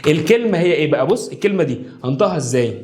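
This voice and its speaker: A man with an Egyptian Arabic accent teaching English pronunciation at a whiteboard, coaxing his viewers and drilling each sound in a slow chant. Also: fairly high pitch, animated, darkish tone, reverberant, soft background music. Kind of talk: video lesson at a whiteboard. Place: indoor room with a whiteboard.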